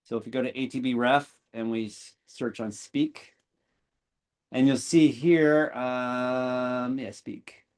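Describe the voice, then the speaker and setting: A man hosting an online meetup, talking through a live software demo, rambling and correcting himself as he goes. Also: mid-range voice, steady tone, takes it slowly, clear, resonant tone. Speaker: meetup host.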